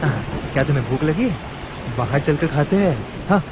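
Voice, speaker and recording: A man's voice: a little high, expressive, normal speed, heavy background noise, natural voice. An actor playing an eager, protective young man in a dubbed drama, coaxing and insistent. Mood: coaxing, attentive. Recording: phone-like narrow sound, music behind.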